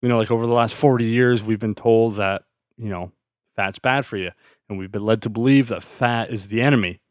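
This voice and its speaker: A man's voice: on the low side, fairly even intonation, brisk, no room sound. Fired-up man ranting in a dry room. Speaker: podcast host. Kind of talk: solo podcast rant.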